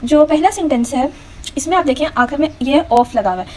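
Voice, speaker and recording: A woman with a high voice teaches grammar in a lecture, patient and methodical. She reads each example sentence slowly. A faint hiss sits under the recording. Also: expressive, rough recording. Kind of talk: explaining a lecture.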